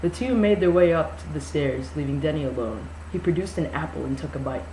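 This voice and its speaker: An amateur reader does a mock-dramatic novel reading, breaking off for sarcastic, incredulous, sweary asides. The voice is medium-pitched, expressive, warm and a little fast, recorded in an echoey room with faint noise.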